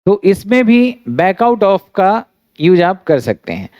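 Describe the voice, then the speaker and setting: A man from India teaching English phrasal verbs in a classroom lesson, dictating example sentences slowly and deliberately, with an Indian English accent. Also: high voice, big pitch swings, no echo, dull audio. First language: Hindi.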